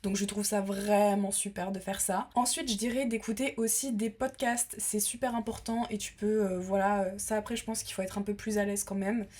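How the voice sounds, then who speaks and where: A woman's voice: mid-range voice, fairly even intonation, moderate pace, hardly any pauses, darkish tone. A young woman from France talking casually to the camera, chatty and full of fillers and restarts. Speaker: vlogger.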